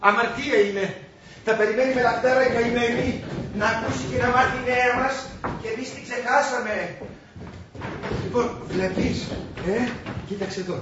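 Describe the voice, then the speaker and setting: High-voiced man on an echoey old film track. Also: background noise. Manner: fast, excitable, boastful talk on the phone. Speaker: struggling actor calling his mother. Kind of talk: old Greek film acting. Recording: old film soundtrack, echoey and dull, from far off.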